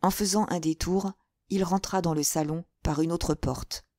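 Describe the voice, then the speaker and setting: A woman narrating a classic novel as an audiobook, with a measured, even reading. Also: fairly low pitch, no echo. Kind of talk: scripted narration.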